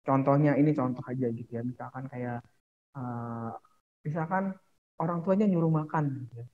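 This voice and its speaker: A man's voice: mid-range voice, normal speed. A male teacher explaining a lesson to his class in a casual way, full of fillers and little asides, sometimes acting out short quoted lines. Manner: casual, many fillers and "gitu ya". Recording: tinny phone-like sound.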